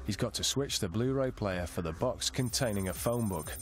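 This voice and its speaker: A man's voice: on the low side, normal speed, crowd noise. A man reading scripted TV narration in a dramatic, suspense-building way.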